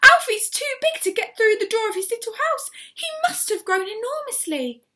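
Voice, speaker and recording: A woman voicing an excitable, adoring lady tortoise owner in an exclaiming, effusive way for a children's story. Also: very high voice, normal speed, pitched above the performer's own voice, exaggerated voice. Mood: startled excitement.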